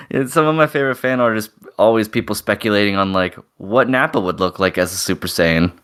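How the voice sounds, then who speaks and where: A man's voice: lowish voice, normal speed, fairly bright tone, clean tone. A man on a fan podcast panel, chatting enthusiastically and rambling with lots of fillers. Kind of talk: casual chat.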